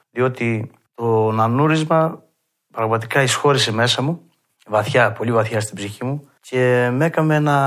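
A man with a Cretan accent, a mandolin player telling stories from his past and acting out old conversations in a lively way. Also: medium pitch. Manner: lively storyteller who acts out past dialogue. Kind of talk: reminiscing storytelling.

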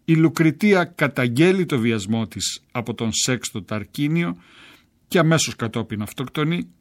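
Man, mid-pitched voice, measured essay narration, literary reading with dramatic emphasis. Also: lively intonation.

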